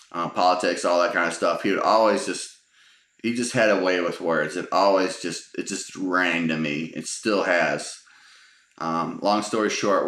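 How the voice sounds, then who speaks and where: A man's voice: sits low, a bit bright. A middle-aged man telling humorous stories from his life in a rambling, casual way, with lots of fillers and chuckles. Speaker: storyteller. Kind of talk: casual spoken storytelling. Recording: roomy echo.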